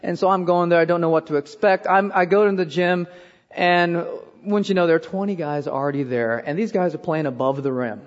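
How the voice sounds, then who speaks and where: A man's voice: on the high side, a little fast, in a large hall, muffled recording. A man, preaching a sermon as pastor and telling self-deprecating stories with frequent "okay?" asides. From born in Korea, raised in Iowa. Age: 30s.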